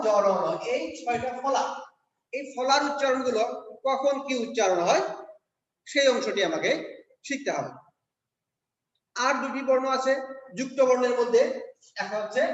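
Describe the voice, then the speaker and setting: A man teaching an exam revision lecture, explaining step by step and spelling out letters one by one. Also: very high-pitched. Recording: echoey hall, dull lo-fi sound.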